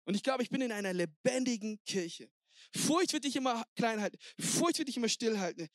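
A married man preaching a sermon, energetic and exhorting, sprinkling in English words. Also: very high-pitched, a little fast, no room sound, studio quality. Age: adult, married. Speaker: pastor.

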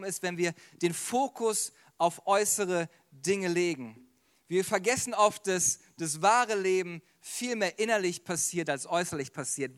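A man preaching a sermon in a lively, conversational way, acting out quoted voices. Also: sits high. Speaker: pastor.

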